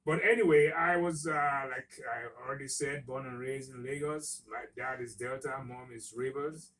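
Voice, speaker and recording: A man in his sixties, a guest author in a radio studio interview, talking in an unhurried, hesitant way with many fillers. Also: mid-range voice, steady tone, fairly bright tone, distant mic, poor audio. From Nigeria. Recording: voice a little off-mic.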